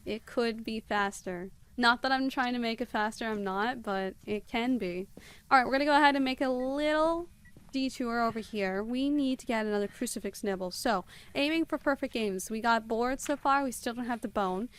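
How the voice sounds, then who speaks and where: A female game streamer rattles off live commentary at an extremely fast clip, greeting viewers by name in between moves. Her high voice comes across smooth and clear.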